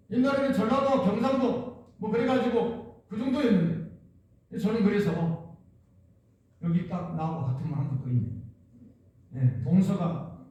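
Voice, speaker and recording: A man's voice: high voice, a little mellow. A man from the Jeolla region preaching a sermon, emphatic and repetitive, with many rhetorical questions. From Jeolla region, Korea. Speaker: pastor. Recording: echoey church hall, distant mic.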